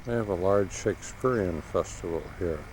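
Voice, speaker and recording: A man narrates sights in a plain, low voice, recorded outdoors on an old camcorder VHS tape. A steady hiss runs under everything he says. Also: normal speed. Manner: plain commentary describing sights. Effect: old VHS camcorder tape sound. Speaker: tourist filming a home video. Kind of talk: casual tour narration. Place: outdoors in the countryside. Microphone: built-in camcorder mic.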